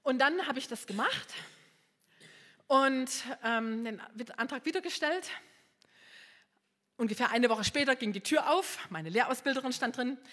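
A woman's voice: high voice, a little slow, pauses often, long reverb tail. Impulsive middle-aged woman from East Germany. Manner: impulsive, animated storytelling that swings from hushed to loud. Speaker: speaker giving a personal testimony. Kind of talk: emotional personal testimony to an audience.

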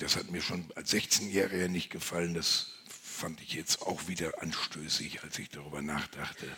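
A man preaching a sermon in a conversational, confiding way, dropping to near-whispers and rising to loud emphasis. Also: fairly low pitch, slightly rough. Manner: conversational, confiding, swings between hushed and loud.

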